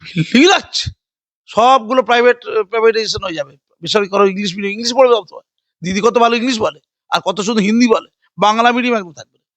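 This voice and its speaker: High-pitched, fast, combative older man. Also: a bit bright, no echo. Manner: combative, sarcastic, rambling with mocking repetitions. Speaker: interviewee. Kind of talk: heated political interview.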